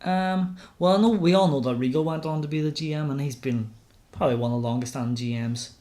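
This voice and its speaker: A man's voice: fairly high pitch, quick pace, dark tone. A man co-hosting a podcast, easygoing and rambling. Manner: easygoing, laughs along, rambling. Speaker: podcast co-host. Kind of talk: casual wrestling podcast chat.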